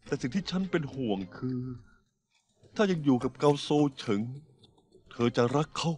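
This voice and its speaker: A man dubbing a devoted young man who is protective and jealous, in a Thai drama dub, speaking softly and earnestly. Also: fairly high pitch, lively intonation, normal speed, husky.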